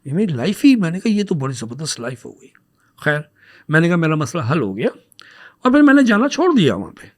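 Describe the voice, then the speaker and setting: A man with a notably high voice tells a personal story in a relaxed podcast conversation. He is anecdotal and lively, and acts out the dialogue as he goes. English words slip into his speech now and then. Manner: animated, acts out dialogue when retelling.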